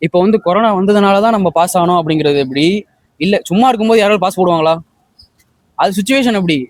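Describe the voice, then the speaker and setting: A man's voice: high voice, quick pace, no echo, clean studio sound. A man, an interviewee giving heated opinions with stumbling restarts.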